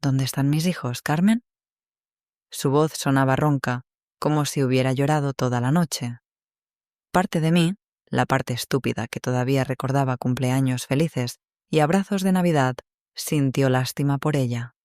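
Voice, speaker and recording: A man's voice: medium pitch, normal speed, a little mellow, smooth, no room sound, clean studio sound. Man narrating a dramatic story. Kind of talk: scripted narration of a first-person story.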